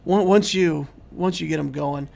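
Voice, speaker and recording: A man hosting a casual game livestream, reading and answering viewer chat in a rambling, conversational way while he keeps losing his voice and clearing his throat. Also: fairly high pitch, normal speed, darkish tone, a little hiss or hum. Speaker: YouTube game channel host.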